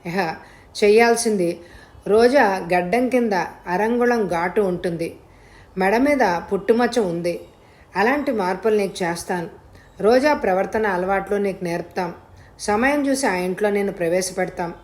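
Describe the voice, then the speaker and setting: A woman's voice: medium pitch, normal speed, a little mellow, lightly acted. Bhagvan, a woman voicing a scheming male villain. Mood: menacing. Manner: cold, threatening, commanding.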